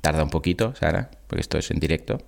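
Brief: male podcast host, playful and joking, lively pitch. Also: fast, gravelly. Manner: playful, jokey. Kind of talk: casual live podcast chat.

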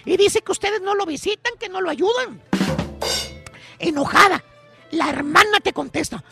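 Mexican male radio comic, very high and gravelly, animated drawling storyteller. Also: normal speed, music in the background. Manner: animated, drawling, calls his partner caballo. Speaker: radio show host.

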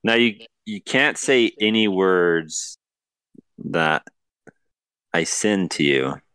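A man's voice: sits low, expressive, slow, bright, forceful tone, clear, resonant tone, dry recording. A man on a casual podcast who runs a word game, playful and laughing, with hesitant fillers. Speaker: guest running a word game.

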